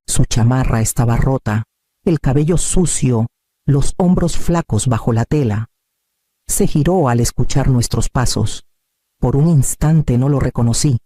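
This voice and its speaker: Very dark-voiced male narrator. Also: on the high side, no room sound, studio quality. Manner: calm, measured storytelling. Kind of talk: scripted first-person narration.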